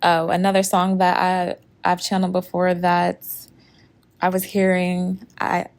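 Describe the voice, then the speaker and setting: A woman giving a casual intuitive reading to her viewers, chatty and quick to laugh, sometimes breaking into song lyrics. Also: on the low side, monotone. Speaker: tarot reader.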